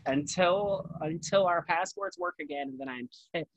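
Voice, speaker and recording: A man's voice: on the high side, unhurried, highs cut off, a little hiss or hum. A man hosting a podcast in casual, informal, self-deprecating chat, with some swearing. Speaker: podcast host.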